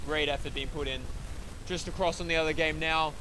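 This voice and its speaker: A man's voice: on the high side, fairly even intonation, fairly quick, sharp tone, slight background noise. An Australian man giving live play-by-play commentary, chatty and often correcting himself with apologetic asides. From Wollongong, Australia. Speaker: sports commentator.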